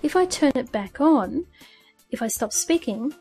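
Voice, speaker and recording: Woman tutorial host, chatty, self-laughing, slightly high voice, faint music under. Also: animated, measured pace, mellow, slightly rough. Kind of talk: casual screen-recorded tutorial. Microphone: desk microphone with audio filters. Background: fan hum and birds.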